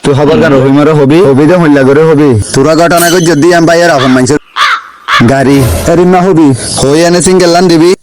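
A man's voice: a little high, steady tone, a little fast, a crowd in the background, natural voice. A man with a Chittagonian Bengali accent playing a bossy local fixer in an amateur comedy skit. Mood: bossy, pressing. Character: bossy local fixer men turn to for help.

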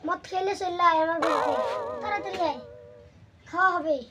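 A man's voice: very high-pitched, fairly quick, very noisy. A man playing a boisterous, bossy young drinker in a comedy skit, full of exclamations. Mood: rowdy, inviting.

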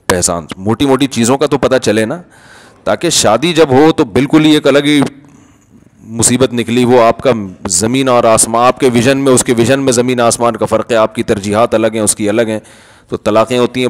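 A male cleric gives a Friday sermon, answering questions from the congregation. He explains in a conversational, patient way and argues each point with everyday examples. His voice sits at a middle pitch, and a long reverb from the large hall trails after his words.

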